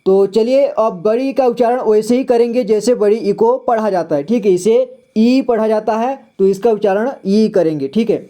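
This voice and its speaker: Man, reading teacher, high voice, mellow, slow and repetitive, quizzes the listener. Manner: patient, repeats words, quizzes the viewer. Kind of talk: slow classroom-style reading lesson.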